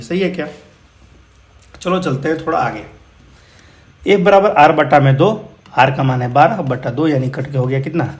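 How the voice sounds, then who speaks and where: A man with a Bihari accent teaching physics numericals in a casual, encouraging way, often calling his students brother. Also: a little high. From India. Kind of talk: explaining exam problems.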